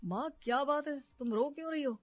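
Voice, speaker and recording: A woman's voice: high voice, a little fast, lo-fi sound, voice pushed up, lightly acted. Woman voicing an indignant young husband. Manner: firm, indignant. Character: young husband defending his mother.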